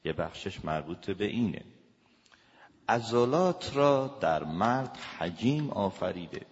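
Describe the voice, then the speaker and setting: A man lecturing as a family counselor, fairly low in pitch and lively in delivery. He acts out small exchanges with sudden raised voices. His voice sounds dull and lo-fi, with a long reverb trailing behind it as in a big hall. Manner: lively, acts out little dialogues with shouted voices.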